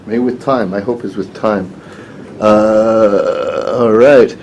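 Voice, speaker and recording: A man's voice: lowish voice, fairly even intonation, takes it slowly, darkish tone, poor audio. A man moderates a panel discussion in an encouraging way, affirming each speaker and then calling on the next by name. Faint background noise can be heard under his voice.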